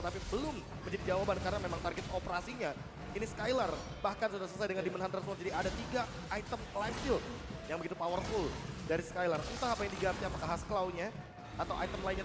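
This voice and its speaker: An Indonesian man giving analytical live commentary on an esports match. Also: high-pitched. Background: music.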